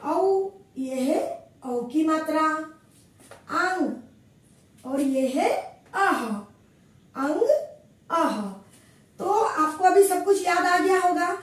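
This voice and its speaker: A woman teaching at a very slow, patient pace, repeating each syllable. Her voice sits very high. It rings in a strongly echoing room, heard from some distance. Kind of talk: slow classroom explanation.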